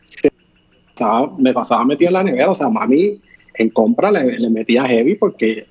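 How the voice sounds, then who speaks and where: As a guest in a casual live interview, a man with a medium-pitched, slightly mellow and husky voice speaks a little fast with lively intonation, rambling through many fillers and restarts and laughing often. English is his first language; he was born in Chicago and raised partly in Puerto Rico. The recording is muffled, with highs cut off.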